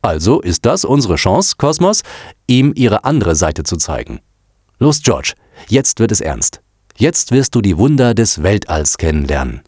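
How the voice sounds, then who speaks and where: A man's voice: on the low side, very animated, measured pace, a little mellow, breathy edge, no room sound, studio quality, exaggerated voice. A man voicing a patient, enthusiastic male computer owner in a storybook, speaking in a coaxing way. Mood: eager.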